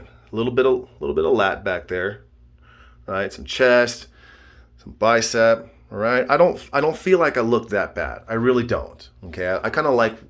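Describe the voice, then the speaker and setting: Low-voiced man rambling to camera. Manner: repeats himself, checks in with "okay?" and "all right?". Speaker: fitness vlogger. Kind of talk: casual rambling vlog.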